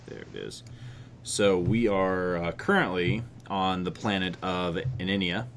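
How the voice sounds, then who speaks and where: A man's voice: deep voice, lively intonation, unhurried, background noise. A man narrating a tabletop role-playing game as game master, rambling and hesitant with frequent fillers.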